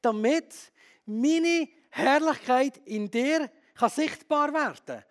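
A steady, corrective voice of Jesus, high for a man and spoken, as a preacher puts him on. He speaks calmly and firmly. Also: slow pace. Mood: firm, correcting. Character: Jesus, a gently firm man correcting a self-pitying pastor.

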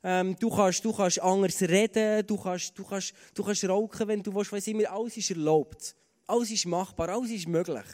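Earnest Swiss German preacher in a reverberant hall. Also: male voice, high voice, steady tone, moderate pace, darkish tone. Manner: earnest, conversational, with fillers and repeated starts. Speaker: pastor. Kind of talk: sermon with personal stories.

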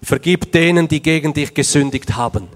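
A man's voice: fairly high pitch, a little fast. A man interpreting a testimony line by line, earnest and sometimes stumbling over words. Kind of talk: live consecutive interpretation.

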